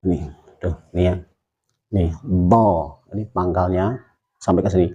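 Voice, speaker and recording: Low husky man teaching Arabic letters. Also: steady tone, dark tone, highs cut off. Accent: Indonesian. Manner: repeats drawn-out syllables to demonstrate; patient, explanatory, uses many fillers. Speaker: Quran recitation teacher. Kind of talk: tajwid pronunciation lesson.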